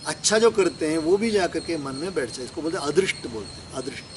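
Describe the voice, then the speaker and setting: A spiritual teacher gives a religious discourse, explaining scripture verses line by line and asking and answering his own questions. His pitch is fairly high, his intonation lively, and his pace quick, with clear background noise of crickets.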